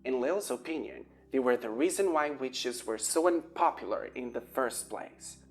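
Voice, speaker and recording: A woman reading an audiobook aloud with expressive storytelling. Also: a bass voice, normal speed, faint music behind. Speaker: audiobook narrator. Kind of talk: audiobook narration.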